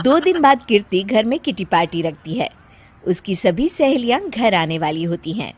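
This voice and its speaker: A woman narrating a cartoon story in a calm, even storytelling manner. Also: medium pitch, normal speed, breathy edge.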